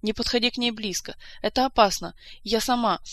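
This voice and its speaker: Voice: fairly quick, fairly bright tone, natural voice. An audiobook reader voicing a frantic, pleading female nymph. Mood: pained. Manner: pleading, shrill.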